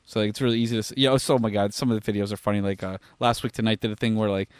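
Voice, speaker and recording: A tired young man talks fast on a podcast, piling on fillers and swearing as he rants. The sound is close and dry, with no room around it. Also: on the low side, fairly even intonation, smooth, no room sound. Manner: profane, rapid rants with frequent fillers. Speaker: podcast co-host. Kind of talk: casual podcast chat.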